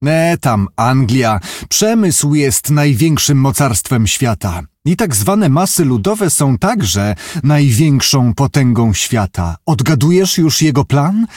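A man's voice: mid-range voice, sing-song, slow, hardly any pauses, darkish tone, dry recording, clean studio sound, voice pushed up. Bondi, a man voicing a gloomy shaken businessman. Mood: anxious. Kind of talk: audiobook character voice.

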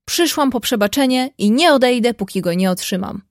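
A woman reading the part of a bold, warm-hearted young woman who speaks earnestly and coaxingly. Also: a little high, lively intonation, a little fast, no echo, studio quality.

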